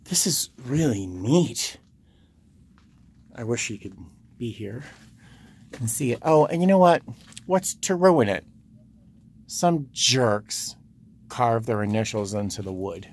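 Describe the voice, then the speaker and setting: Exploring a tourist site outdoors and in small huts, a Rhode Island man vlogs casually, musing aloud in a wry way. His mid-range, darkish voice is very animated yet slow, with long pauses, captured on a handheld camera amid outdoor noise.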